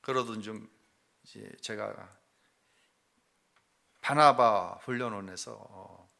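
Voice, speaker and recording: A middle-aged pastor speaks slowly in a gravelly voice on the low side while telling a family story from his own life in a sermon. He goes from quiet confession to loud, performed quotes.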